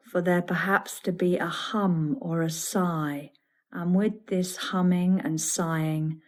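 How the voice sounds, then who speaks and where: A teacher guides a yoga nidra meditation in a soothing, deliberate manner, her measured phrases separated by pauses. Her voice is on the lower side.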